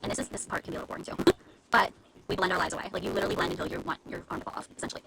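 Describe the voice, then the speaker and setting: A woman with a gravelly, creaky voice and a very rapid delivery, walking viewers through her makeup in a chatty live stream from home. She explains each step in close detail. There is clear background noise on the recording. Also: lowish voice. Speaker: beauty influencer. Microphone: live-stream camera mic.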